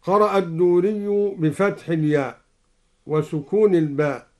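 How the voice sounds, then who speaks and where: A man from Egypt, a Quran recitation scholar, explaining reading variants in a measured voice and chanting each example melodically. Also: sits high, darkish tone. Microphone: broadcast studio microphone.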